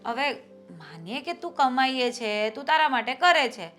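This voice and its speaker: A woman playing a high-voiced, worried wife. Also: normal speed, faint music behind. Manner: calm, reasoning, then pushing back. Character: worried, patient elder sister-in-law and wife. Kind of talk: family drama acting.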